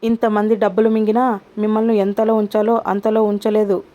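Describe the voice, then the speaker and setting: A woman narrator voicing a sharp-tongued young housewife who scolds with sarcasm. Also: mid-range voice, little pitch movement, brisk, muffled recording, close to an everyday voice. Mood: sarcastic. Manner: sarcastic, cutting.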